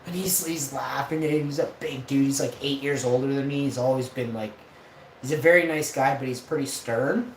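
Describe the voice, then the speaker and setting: A man's voice: mid-range voice, a little fast. A man in his forties telling a rambling, profane story in a casual vlog. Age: 40s. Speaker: vlogger host. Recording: roomy, distant mic, faint noise.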